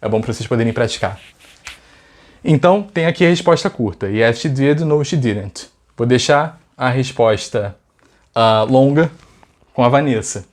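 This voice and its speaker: Chatty Brazilian English teacher. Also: male voice, mid-range voice, animated, normal speed. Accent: Brazilian Portuguese. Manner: chatty, asks rhetorical questions. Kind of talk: casual video lesson.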